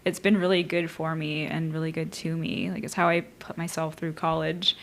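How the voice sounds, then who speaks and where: A guest from Vancouver giving thoughtful, measured answers in a casual interview. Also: medium pitch, flat delivery, vocal fry, fairly bright tone. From Vancouver, Canada. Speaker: guest artist.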